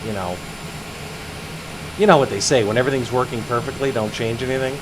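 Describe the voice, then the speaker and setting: A man's voice: medium pitch, a little fast. A man with a cold giving casual, informal flight simulator commentary, musing aloud as he plays. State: has a cold. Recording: voice under loud cockpit engine noise. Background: loud aircraft cabin hum.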